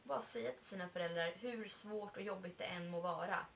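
A woman's voice: mid-range voice, vocal fry, fairly bright tone. A woman in her twenties telling a personal story in a chatty, candid way, swearing now and then and acting out bits of dialogue. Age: 20s. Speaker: vlogger. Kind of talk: casual confessional storytelling. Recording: distant mic with faint background noise.

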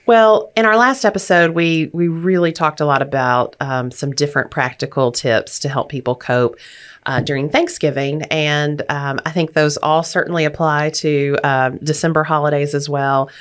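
A woman's voice: low-pitched, fairly even intonation, normal speed, smooth. A woman talking as a grief counselor and podcast host, explaining things supportively in a conversational discussion.

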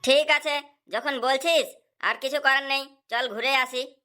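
A woman's voice: high-pitched, fairly even intonation, a little slow, pushed and bright. A woman voicing an anxious young man, a farmer's son, in a cartoon. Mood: worried. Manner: anxious and complaining.

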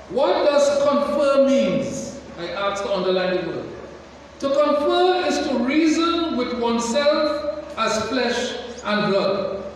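Slow high-voiced preacher in an echoing church. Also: male voice, a little hiss or hum. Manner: slow, deliberate, asks the congregation questions. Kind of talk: sermon. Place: large church hall. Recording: echoey church hall from far off.

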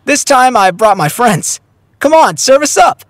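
A man voicing an eager, bashful young man who calls out loudly in a small shop. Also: very high voice, big pitch swings, unhurried, no room sound, studio quality, pitched above the performer's own voice, full character voice.

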